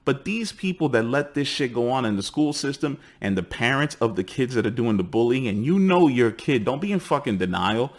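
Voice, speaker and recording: Man, 40s, New York accent, ranting host, swearing, lively rising and falling pitch. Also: fairly quick, few pauses. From the Bronx, New York. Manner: heated, swearing, acts out quoted voices. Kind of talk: profane ranting commentary.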